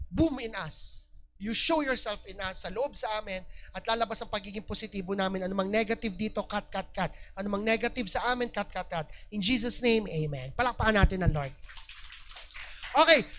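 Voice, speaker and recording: A man with a Batangas Tagalog accent preaching a lively sermon as pastor, acting out quoted voices and breaking into shouts. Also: sits high, fairly quick. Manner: animated, acts out quoted voices, bursts into shouts. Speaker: pastor and university professor.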